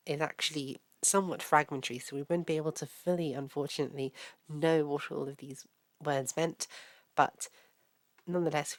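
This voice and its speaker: A woman's voice: sits low, dry recording. A woman hosting a lesson, chatty and self-deprecating, reading an old poem aloud and explaining it. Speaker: host.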